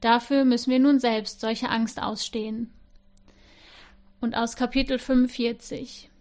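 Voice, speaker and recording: A woman's voice: fairly high pitch, fairly even intonation, measured pace, darkish tone. A woman reading a Bible passage aloud in church, giving the quoted speakers some expression. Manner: reads with expression, voicing the speakers' lines. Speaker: scripture reader.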